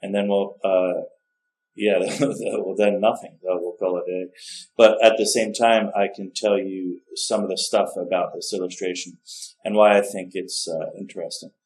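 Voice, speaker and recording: A man with a fairly low voice talks through a digital coloring session in a loose, casual way. He rambles, backtracks and corrects himself, and sounds unsure of the names he says. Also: fairly even intonation, normal speed, a little mellow, low-quality recording. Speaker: art tutorial host. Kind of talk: casual narrated drawing tutorial.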